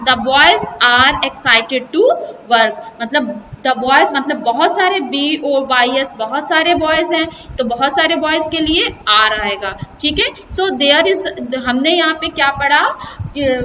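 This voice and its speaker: A woman's voice: high voice, sharp tone, long reverb tail, recorded from a distance, slight background noise, low-quality recording. An Indian woman teacher with an Indian accent, explaining a children's English exercise step by step and spelling out words. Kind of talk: recorded video lesson in Hindi and English.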